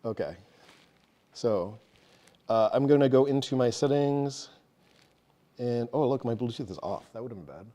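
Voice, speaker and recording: A man presenting a technical talk to a live audience, quick and casual, joking about himself. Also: medium pitch, warm tone, dull audio. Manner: fast, casual, self-deprecating. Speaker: meetup presenter. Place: meeting room with an audience.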